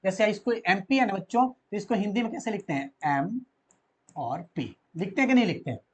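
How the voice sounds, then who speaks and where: A man's voice: sits high, animated, fairly quick, slightly rough. A man teaching a grammar lesson to children, asking them questions and answering them himself.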